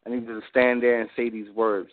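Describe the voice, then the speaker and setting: Man from Puerto Rico, grew up in Brooklyn, guest director, lively and joking, thin phone-line sound. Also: medium pitch. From born in Puerto Rico, raised in Brooklyn. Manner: lively, jokey, quick to laugh. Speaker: director of a web series. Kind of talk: casual interview chat. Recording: tinny phone-line audio.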